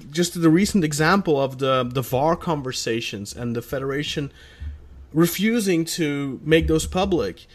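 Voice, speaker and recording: A male podcast co-host talking football in a rambling, casual way, often restarting his sentences. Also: on the high side. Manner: rambling, restarts often, self-aware about stuttering.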